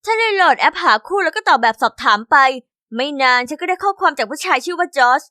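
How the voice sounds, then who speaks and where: Bright, high-voiced young woman storyteller. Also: fast, no room sound, studio quality. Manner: chatty, expressive first-person telling. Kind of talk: scripted diary-style storytime narration.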